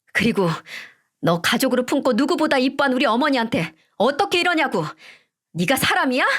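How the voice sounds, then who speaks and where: A woman voicing a furious, betrayed middle-aged husband who shouts accusations. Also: sits high, voice pushed up, exaggerated voice.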